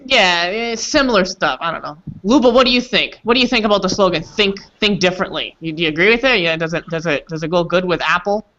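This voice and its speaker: A man with a bright, forceful voice runs an online English class, throwing questions at his students in a chatty way. The call audio is dull and lo-fi. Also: high-pitched, expressive, fast talker, hardly any pauses, slight background noise. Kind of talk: casual class discussion. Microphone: video call.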